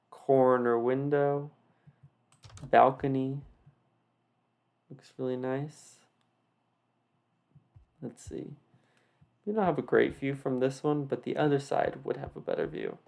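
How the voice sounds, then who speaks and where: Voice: mid-range voice, a little mellow. A video creator with a slight lisp from wearing retainers gives a casual, unscripted tour commentary with rambling, self-deprecating asides. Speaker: video creator giving a game build tour.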